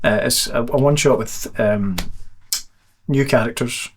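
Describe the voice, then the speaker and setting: A man's voice: medium pitch, unhurried, a little hiss or hum. A man who runs a live tabletop game, talking casually and often restarting his sentences. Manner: hesitant, repeats words at starts. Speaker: dungeon master of a live show. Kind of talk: casual interview chat.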